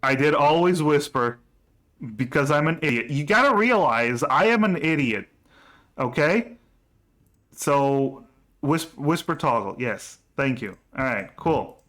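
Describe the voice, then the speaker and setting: A man acting as game master for a tabletop role-playing game, narrating and refereeing in a halting way, often repeating himself. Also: on the high side, lively intonation, fairly bright tone.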